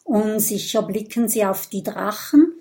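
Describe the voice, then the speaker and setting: A woman narrating a children's audiobook in a calm, clear storytelling manner. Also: mid-range voice, measured pace.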